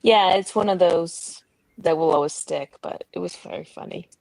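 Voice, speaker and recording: Relaxed, chatty woman with a low, dry voice. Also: normal speed, gravelly, no echo, rough recording. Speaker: sprint host on a reading livestream. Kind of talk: casual chat. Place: at home with her dog.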